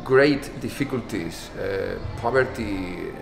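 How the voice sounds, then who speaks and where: In an interview, a Spanish man in his fifties speaks thoughtfully, often repeating words. His voice is fairly low, slow and creaky. He's indoors at a dance studio, and the hall echoes with music behind him.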